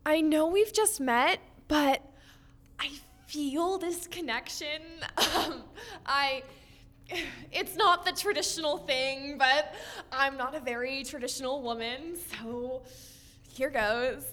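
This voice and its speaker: A woman with a high, slightly bright voice speaks slowly while playing an earnest, lovestruck teenage girl in a comedic audio drama. Smitten and confiding, she gushes theatrically and sounds exasperated with her family.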